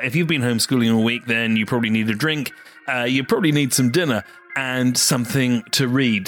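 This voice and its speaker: A man hosting a comic podcast, talking in a rambling, halting, mock-earnest way. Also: mid-range voice, fairly bright tone. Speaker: podcast host.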